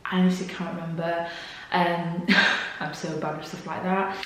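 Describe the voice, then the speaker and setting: A woman's voice: lowish voice, level tone, normal speed. Chatty young woman, echoey room. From Congo. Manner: chatty, laughs often, many fillers. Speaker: YouTuber. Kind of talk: casual Q&A chat to camera.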